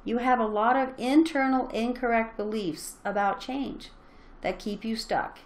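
A woman's voice: a little high, unhurried. A middle-aged woman giving an earnest, encouraging motivational talk as a parenting coach, speaking straight to her listeners.

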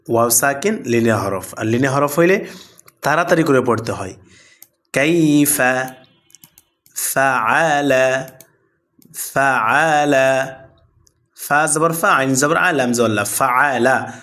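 A man teaching Quran recitation rules, stretching out words slowly as he recites, then explaining the rules and answering his own questions. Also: medium pitch, fairly bright tone. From Bangladesh. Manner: asks questions and answers them himself. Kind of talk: Quran lesson with slow drawn-out recitation and explanation.

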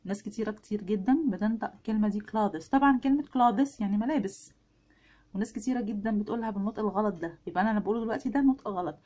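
A woman's voice: mid-range voice, a little mellow. A woman with an Egyptian Arabic accent giving a casual video lesson on English pronunciation, chatty and drilling words with her viewers.

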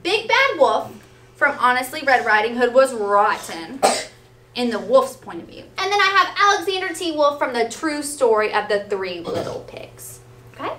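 An elementary school teacher with a high, bright voice reads aloud to young children seated on the floor of a classroom, speaking at normal speed. She is animated and keeps checking in with questions. A distant camera picks her up, so the sound is roomy and faint classroom noise can be heard.

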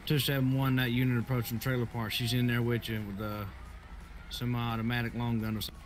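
A man's voice: medium pitch, little pitch movement, fast, slight background noise. A man playing a police officer in a roleplay game, making urgent call-outs with radio codes and unit numbers over in-game police radio. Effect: heard over in-game police radio.

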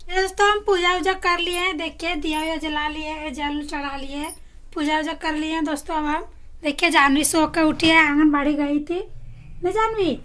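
Young woman vlogging with a high voice. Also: steady tone, normal speed, a bit bright. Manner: chatty, addresses viewers often. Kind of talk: casual home vlog. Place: rural home and yard, in and out of doors. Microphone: phone at arm's length.

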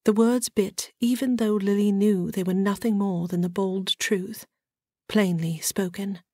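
A woman narrating a historical fantasy audiobook in a measured, softly dramatic reading. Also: medium pitch, fairly even intonation, husky, no echo, studio quality.

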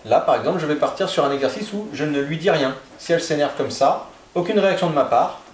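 A man with a slightly higher voice, working as a dog trainer, speaks in a calm, steady way. He gives firm short commands while explaining the exercise indoors at home. The room is echoey. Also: fast talker, a little hiss or hum.

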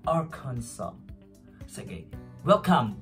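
A man's voice: mid-range voice, very animated, slow pace, music in the background. A young Filipino man with a Filipino accent, casually vlogging to viewers on a road trip, filming himself with a phone at arm's length. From Philippines. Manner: chatty, upbeat, addresses viewers directly. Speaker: travel vlogger. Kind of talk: casual travel vlog, mixing English and Filipino. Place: picnic at a roadside rest area, outdoors. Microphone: phone camera held at arm's length.

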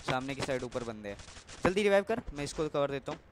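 A young man streaming a shooter game live, shouting orders and cursing at his teammates in casual chat. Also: medium pitch, sing-song, fast, noisy background. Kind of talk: excited live gameplay chat. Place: at a PC with game sounds. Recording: loud gunfire from the game.

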